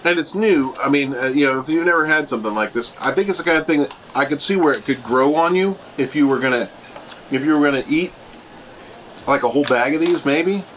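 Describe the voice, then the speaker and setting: A man's voice: a little high, fairly quick, fairly bright tone. A man giving a casual taste-test review as host, rambling and thinking aloud. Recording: clearly noisy room ambience.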